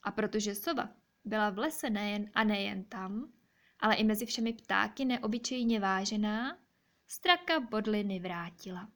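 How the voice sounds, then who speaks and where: A woman reading a children's story aloud, gentle and expressive. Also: medium pitch. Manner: gentle, expressive, slows for sad moments.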